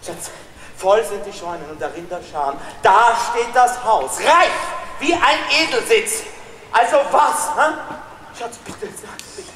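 A woman's voice: mid-range voice, expressive, unhurried, fairly bright tone, roomy sound, in a large hall. A woman playing a coaxing farmer's wife. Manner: coaxing and affectionate, breaking into asides. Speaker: amateur actor. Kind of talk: amateur stage reading of a verse play. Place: room at home.

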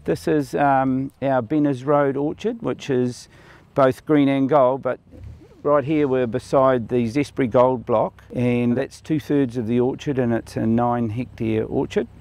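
A man's voice: mid-range voice, fairly even intonation, a little slow, a little mellow. An older man from New Zealand, an orchard owner, explaining kiwifruit growing outdoors in an interview, plainly and with fillers. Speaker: orchard owner and company founder. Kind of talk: on-camera interview.

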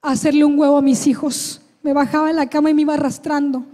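A woman's voice: high voice, little pitch movement, fast, mellow. A woman telling her personal testimony in a fervent, heartfelt way, often addressing her listener as brother and breaking into prayer. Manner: fervent, prays aloud, addresses listener as "hermano". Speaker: guest giving testimony.

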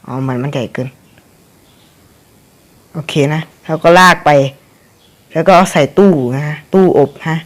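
A man's voice: fairly high pitch, a little slow, pauses often. A young man casually commentating his own gameplay, rambling and cursing at the game with frequent chuckles.

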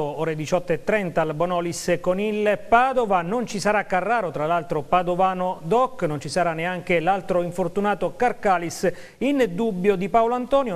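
A man presenting the sports news on a local TV bulletin, reading in a brisk, formal way. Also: high voice.

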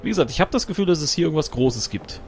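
A man's voice: on the high side, animated, very fast, soft background music. A man giving casual, joking let's play commentary while he plays, talking to himself and his companion.

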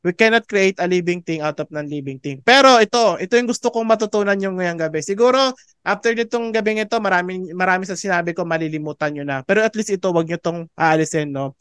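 Theology teacher, online class; conversational, code-switching, checks in with students a lot; smooth voice, dry close sound. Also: medium pitch, fast talker, fairly bright tone, no room sound. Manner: chatty, mixes English into Tagalog, asks "di ba?" often; laughs often between points. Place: online class over a video call. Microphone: video call microphone.

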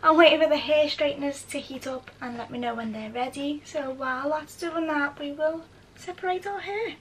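A woman's voice: high-pitched, moderate pace, far from the mic, slight background noise, rough recording. A young woman chatting to camera as she walks viewers through each step of her routine at home. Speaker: beauty vlogger. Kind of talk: casual how-to chat to camera. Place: at home, indoors.

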